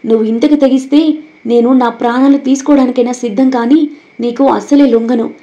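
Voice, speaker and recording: Lady doing a young wife crying and defiant, highish voice, lo-fi sound. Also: fairly even intonation, a little fast, warm tone, natural voice. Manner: pleading, tearful. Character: frightened defiant young married woman.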